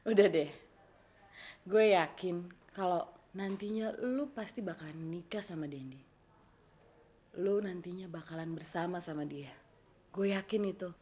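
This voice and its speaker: An actress playing an insistent, persuasive friend and co-schemer in a TV soap drama. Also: female voice, fairly low pitch, measured pace, pauses often, warm tone, natural voice. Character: insistent, reassuring female confidante in a scheme. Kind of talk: Indonesian TV soap drama acting.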